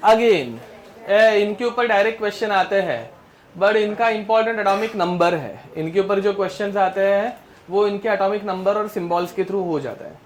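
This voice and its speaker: Male chem teacher, high voice, drills students with mnemonics. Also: moderate pace. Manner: drills mnemonics, scolds students, Hindi mixed with English terms. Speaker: chemistry teacher. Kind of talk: classroom lecture.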